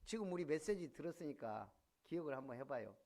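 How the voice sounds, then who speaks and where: A quick-paced, fairly high-pitched male pastor gives an animated sermon inside a church sanctuary. Questions to the congregation come up again and again.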